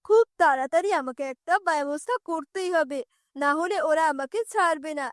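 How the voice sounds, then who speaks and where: Nervous cartoon sorcerer man, worried and pleading, high voice, dry, put on by a woman. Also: moderate pace, dry recording, lightly acted. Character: anxious male tantrik sorcerer.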